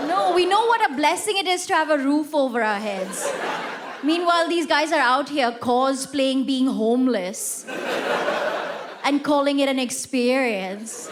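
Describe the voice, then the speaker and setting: A woman with a high-pitched voice performs stand-up on a theatre stage for a live crowd, speaking into a stage mic with some background noise. She chats conversationally, poking fun at herself.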